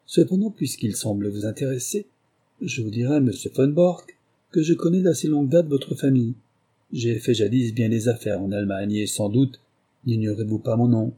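A man reading aloud, voicing a sly, confident male English detective in a lively, ironic manner. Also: normal speed, husky, close to an everyday voice. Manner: higher, lively, ironic delivery.

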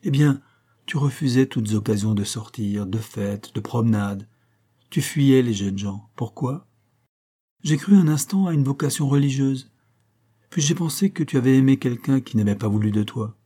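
A man voicing a gentle, pensive woman who questions her sister tenderly, in a read-aloud story. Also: mid-range voice, lively intonation, moderate pace, close to an everyday voice. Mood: gently probing. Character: aging woman, gentle, probing older sister.

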